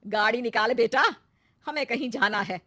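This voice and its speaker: A woman voicing an older mother-in-law in a cartoon moral story, who speaks loudly in brisk questions. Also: fairly high pitch. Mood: knowing. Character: older mother-in-law, sharp-eyed and blunt.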